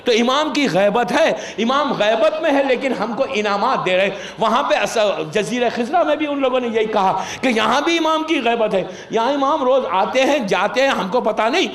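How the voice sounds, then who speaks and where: A man's voice: very high-pitched, hardly any pauses, a bit bright. A man with an Indian Urdu accent giving a sermon, explaining with everyday examples, mixing in English words and urging listeners directly. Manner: pleading, urges listeners directly. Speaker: Shia cleric giving a majlis sermon. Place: religious gathering hall. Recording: echoey hall.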